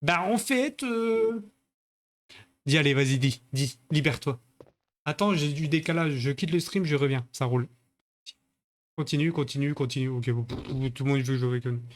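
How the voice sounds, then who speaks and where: A man's voice: medium pitch, steady tone, fairly quick. A man streaming a video game live, chatting with his viewers in crude, joking banter. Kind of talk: live-stream gaming commentary.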